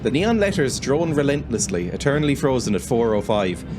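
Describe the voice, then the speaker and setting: A man's voice: mid-range voice, sing-song, brisk, music in the background. Wry, sweary man playing a game. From Ireland. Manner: wry, sweary, laughs often, reads game text aloud. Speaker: let's-play host. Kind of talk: casual game commentary.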